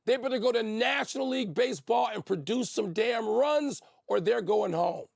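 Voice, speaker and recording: A man's voice: extremely high pitch, animated, moderate pace, creaky, a little mellow, no echo, clean studio sound. An older man co-hosting a sports debate show, emphatic and opinionated as he argues his picks. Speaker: sports talk show co-host.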